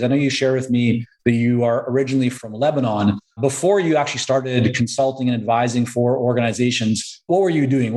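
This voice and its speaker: A man's voice: mid-range voice, a little mellow, rough recording. Upbeat man hosting a podcast. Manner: friendly, upbeat introductions. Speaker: podcast host. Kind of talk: podcast interview.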